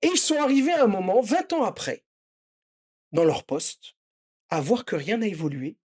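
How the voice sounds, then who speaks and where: A man's voice: sits high, big pitch swings, normal speed, darkish tone, slightly rough. A middle-aged man from the Paris suburbs, a chef and podcast guest, speaking passionately and emphatically in a casual podcast conversation, hammering key words through repetition. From Paris suburbs, Seine-Saint-Denis.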